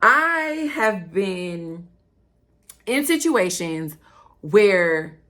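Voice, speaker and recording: A woman hosting her own podcast, talking fast and excitedly in a casual, direct way to her listeners and speaking of God. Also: medium pitch. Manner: chatty, addresses listeners directly. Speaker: podcast host. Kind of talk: casual solo podcast talk.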